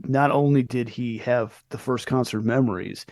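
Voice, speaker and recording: American man, middle-aged, relaxed podcast chat, mid voice, dry sound. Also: mid-range voice, moderate pace, no echo. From United States. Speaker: podcast co-host. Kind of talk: casual chat.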